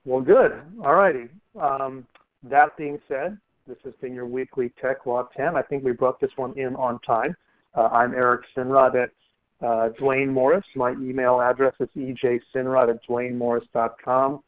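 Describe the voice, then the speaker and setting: A man's voice: medium pitch, fairly even intonation, moderate pace, dry recording. Co-host guy on a tinny phone line, rambling and jokey, totally dry sound. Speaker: podcast co-host. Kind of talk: casual legal podcast chat.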